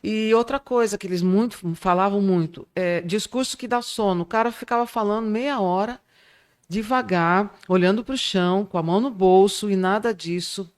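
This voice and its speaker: A middle-aged woman with a Brazilian accent, a public speaking teacher telling lively stories in an interview. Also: medium pitch, normal speed, smooth. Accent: Brazilian Portuguese. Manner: animated storyteller, acts out quoted students. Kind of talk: interview answers, storytelling.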